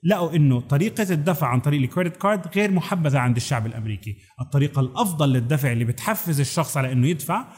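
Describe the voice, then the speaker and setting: A man's voice: a little high, expressive, racing, hardly any pauses, a little mellow, husky. A man with a Levantine Arabic accent presenting a conversational explainer, addressing the listener directly with rhetorical questions. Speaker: video presenter.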